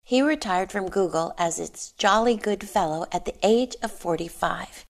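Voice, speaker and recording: A woman hosting a podcast, reading a slow, deliberate introduction and asking interview questions. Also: medium pitch, expressive. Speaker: podcast host.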